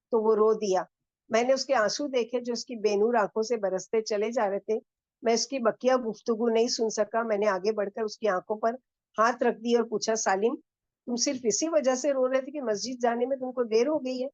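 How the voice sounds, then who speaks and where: A woman's voice: a little high, darkish tone, no room sound. A woman Islamic teacher with a Pakistani Urdu accent, telling a first-person moral story as a lecture and stopping now and then to ask her listeners questions. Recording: dull, dry lo-fi recording.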